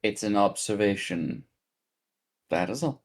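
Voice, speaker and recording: A man voicing a calm, inquisitive female fortune teller with measured, formal phrasing. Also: lowish voice, pitched below the performer's own voice. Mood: calm, probing.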